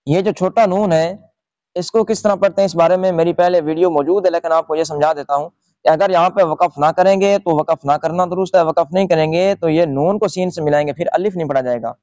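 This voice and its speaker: A man's voice: a little high, darkish tone, dry recording. Patient male Quran teacher, dull dry recording. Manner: patient, repeats rules step by step, checks in with "theek hai". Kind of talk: tutorial lesson.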